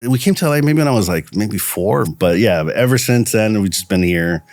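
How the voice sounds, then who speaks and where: A young man from El Salvador speaks in a very deep voice, dry and close with no room sound. He talks reflectively, with pauses and fillers, in a personal interview. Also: animated, a little mellow, no echo. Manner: reflective, halting.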